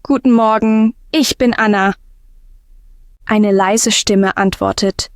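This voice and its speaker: A woman narrating a scripted first-person story for language learners in calm, simple short sentences. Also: medium pitch, slow, no echo, clean studio sound.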